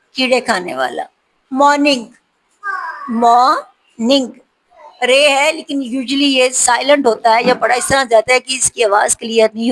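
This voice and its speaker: A woman teacher reads out spelling words one by one and explains what each means, slowing down for the hard ones. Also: a little high, poor audio. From Pakistan. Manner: reads each word slowly, then explains it. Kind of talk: vocabulary lesson for spelling practice.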